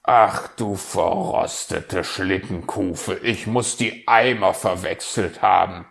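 A man's voice: sits low, slow pace, gravelly, a bit bright, exaggerated voice. A man voicing a flustered, stingy male fox who blusters with silly oaths in a storybook reading.

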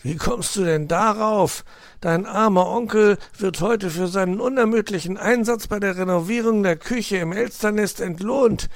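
A man's voice: sits high, a little slow, no room sound, voice pushed up. A man doing a grumbling, scheming fox uncle. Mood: indignant.

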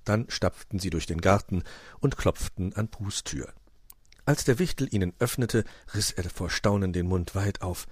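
A man narrating a children's story in a lively, expressive way. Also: low voice, normal speed, husky, no room sound, studio quality.

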